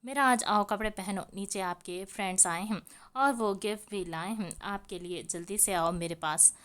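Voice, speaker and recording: A woman's voice: mid-range voice, smooth, natural voice. A woman voicing a tired, loving young mother who pleads with and scolds her stubborn son. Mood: pleading. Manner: pleading, affectionate, sometimes sharp.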